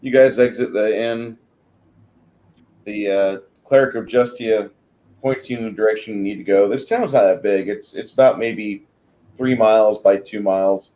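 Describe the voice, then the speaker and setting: Male game master, fairly low voice, halting improvised scene description, dull muffled recording. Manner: halting, pausing mid-sentence to search for words. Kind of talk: improvised tabletop game narration.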